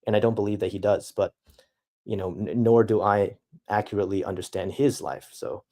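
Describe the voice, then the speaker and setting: A young man streaming, reading out chat messages and answering them in halting, reflective casual talk. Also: fairly low pitch, fairly even intonation, warm tone. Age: young adult.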